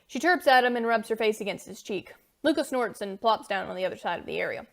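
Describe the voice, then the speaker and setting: Brisk, fast woman narrator. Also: on the high side, expressive, vocal fry. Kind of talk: scripted story narration.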